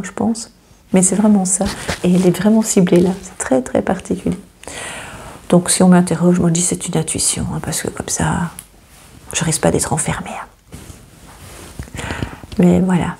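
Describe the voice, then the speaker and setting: Woman host, low gravelly voice, hesitant and reassuring astrology talk, flat delivery. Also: a little hiss or hum. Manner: hesitant, many fillers and repeats, gently reassuring. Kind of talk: casual astrology reading to camera.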